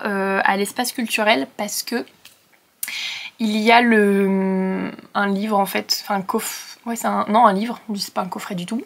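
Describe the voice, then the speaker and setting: A woman's voice: mid-range voice, fairly bright tone. Young French woman, book vlogger, rambling casual chat to a camera at home. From France. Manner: chatty, rambling, many fillers and self-corrections. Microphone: camera set on a surface.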